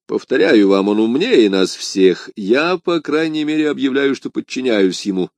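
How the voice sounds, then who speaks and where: A man reading a calm, authoritative musketeer in a firm, measured voice. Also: medium pitch, dry recording, pitched above the performer's own voice, lightly acted.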